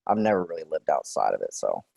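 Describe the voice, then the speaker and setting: A man in his forties from Texas, answering questions in a clinical interview in a relaxed, hesitant way with many fillers. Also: very deep voice, fast talker, gravelly, breathy edge, no room sound. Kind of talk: role-play clinical interview.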